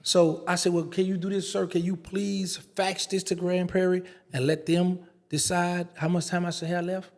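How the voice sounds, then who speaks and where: A man's voice: high-pitched, normal speed, creaky, hardly any pauses. A man, an interview guest telling a casual story and acting out the dialogue. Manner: animated storyteller, acts out quoted dialogue.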